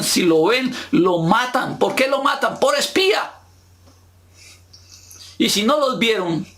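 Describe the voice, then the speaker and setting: Man, pastor, sermon, high voice, unhurried delivery, rhetorical questions. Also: fairly bright tone. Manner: slow, emphatic preaching with rhetorical questions to the congregation.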